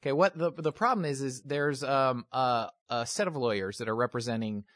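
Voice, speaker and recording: A man's voice: mid-range voice, fairly quick, fairly bright tone, dry recording, clean studio sound. A man co-hosting a podcast, rambling through crude jokes and science news in casual chat, laughing often. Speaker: podcast co-host.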